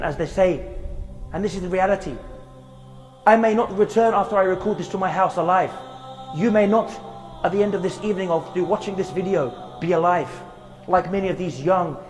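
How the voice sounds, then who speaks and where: A man's voice: high-pitched, a little mellow, long reverb tail. A man giving an earnest religious reminder outdoors in a graveyard, repeating phrases for emphasis and reciting verses. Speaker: Islamic preacher.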